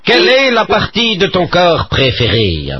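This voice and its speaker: A man's voice: high-pitched, huge pitch swings, unhurried, muffled recording, background noise. A man co-hosting a comic radio show, joking and asking mock quiz questions in a playful way. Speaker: radio host.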